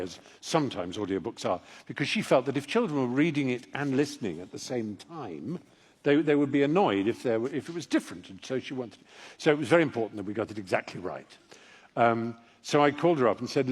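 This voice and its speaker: Older male actor, husky voice with an animated, lively pitch; rambling, self-mocking storyteller at a live talk. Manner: rambling, self-deprecating, with frequent restarts. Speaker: actor and audiobook narrator. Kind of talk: anecdotal storytelling to a live audience.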